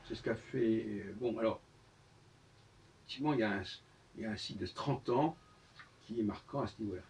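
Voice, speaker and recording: Speaking into a distant camera on a tripod, an older astrologer with a lowish, darkish voice lectures alone from a room lined with books. His explanations come in fits and starts, broken by frequent pauses.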